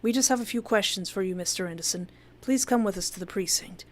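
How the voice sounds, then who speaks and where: A woman's voice: mid-range voice, fast talker, natural voice. A woman performs an unyielding police officer from a mystery game. The delivery is formal and curt, strictly official, with music playing behind. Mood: stern.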